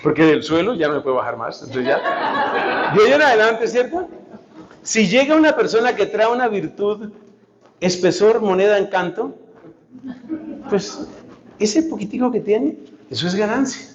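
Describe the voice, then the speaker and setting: A man preaching a sermon, animated, humorous and emphatic. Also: high-pitched, normal speed, pauses often, crowd noise. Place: hall with a live audience. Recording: echoey hall, dull sound, live audience.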